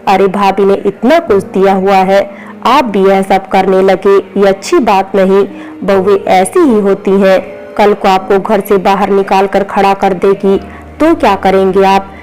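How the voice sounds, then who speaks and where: A woman's voice: medium pitch, fairly even intonation, measured pace, darkish tone, natural voice, poor audio. A woman doing a spiteful jealous aunt. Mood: resentful. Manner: bitter, nagging.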